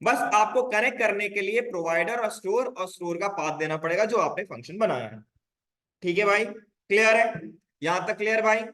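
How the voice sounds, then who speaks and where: A man with a fairly high voice leads a live online coding lesson, mixing English terms into relaxed explanations. He keeps checking in with his students, and the room around him sounds echoey. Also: moderate pace. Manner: casual Hindi-English teaching, frequent check-ins with "bhai". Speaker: coding instructor.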